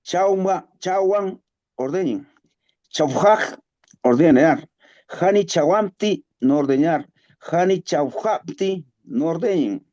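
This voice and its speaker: A student reading verb drills aloud in careful, halting recitation over an online class call. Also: medium pitch, warm tone, dull audio.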